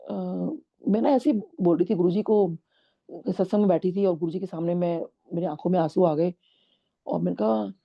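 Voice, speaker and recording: Middle-aged lady sharing a faith story, earnest, mixes in english words, muffled lo-fi audio. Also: medium pitch. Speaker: satsang speaker sharing a testimony. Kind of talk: devotional testimony storytelling. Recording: dull lo-fi recording.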